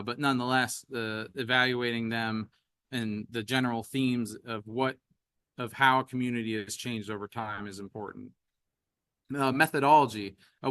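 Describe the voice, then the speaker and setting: A man presents at a community workshop, his tone bright and forceful. He pauses often with ums and uhs. The sound is dry and close. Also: medium pitch, no echo. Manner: hesitant, many fillers. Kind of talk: presentation talk. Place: meeting room.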